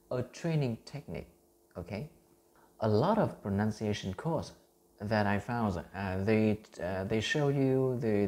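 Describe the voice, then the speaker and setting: Vietnamese man, 30s, earnest repetitive teacher, gravelly low-energy voice, phone recording. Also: darkish tone. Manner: earnest, repetitive, many fillers and restarts. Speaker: English pronunciation teacher. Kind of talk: self-recorded teaching vlog.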